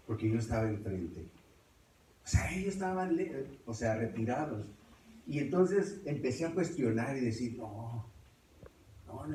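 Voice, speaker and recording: A man telling his testimony as a preacher, swinging between loud and hushed as he tells it. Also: mid-range voice, a little hiss or hum. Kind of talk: testimony sermon. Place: church. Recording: echoey church from far off.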